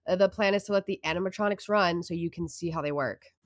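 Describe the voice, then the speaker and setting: For an audio drama, a woman plays a laid-back young receptionist, talking fast in a casual, noncommittal way as though little matters to her. Her lowish voice is close to an everyday one, the recording is dry, and the mood is casual and polite.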